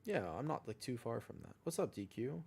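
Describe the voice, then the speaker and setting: A man livestreams an online game, chatting with viewers and teammates in a laid-back, slangy way. His medium-pitched voice is expressive and a little fast, with a creaky, slightly rough, darkish tone.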